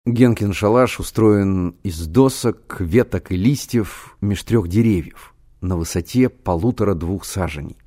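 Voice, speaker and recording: A man reading a novel aloud as an audiobook narrator, calm and unhurried. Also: low-pitched.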